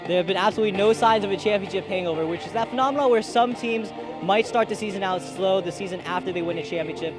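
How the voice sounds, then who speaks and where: A young man working as a sports beat reporter, giving a live outdoor field report for TV news. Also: high voice. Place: outdoors at a softball stadium.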